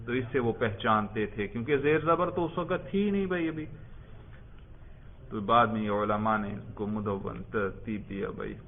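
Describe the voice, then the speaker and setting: A man teaching an Arabic grammar lesson who keeps asking his students questions and has them repeat the forms. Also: lowish voice. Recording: tinny phone-like recording.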